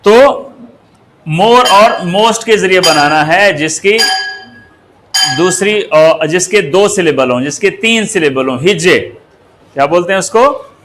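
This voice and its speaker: Man, English grammar lesson, high-pitched, rhetorical questions to the class. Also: animated, a bit bright, a little hiss or hum. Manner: slow and deliberate, asks the class rhetorical questions and spells words out.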